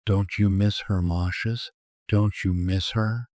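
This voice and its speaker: A man's voice: lowish voice, steady tone, darkish tone, no room sound, studio quality. A man voicing a cruel, sleep-starved killer in a horror story, with a taunting, menacing manner. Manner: taunting, menacing, drawn-out repetition. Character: murderous, sleep-starved criminal, gloating and cruel. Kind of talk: acted dialogue in horror storytelling.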